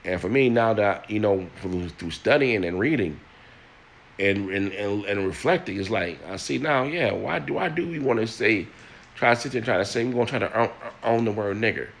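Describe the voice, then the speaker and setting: A man's voice: fairly low pitch, expressive, normal speed, a little hiss or hum. An older man in a personal monologue, earnest and plain-spoken, often repeating words and restarting as he speaks to listeners.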